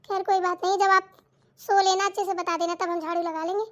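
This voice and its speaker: An educated young daughter-in-law lectures and needles in a very high voice, as a woman voices her. She nags about chores and defends herself when blamed. This is a cartoon household drama. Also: flat delivery, a little fast, fairly bright tone. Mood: preachy. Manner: nagging, preachy, defensive. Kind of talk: cartoon voice acting.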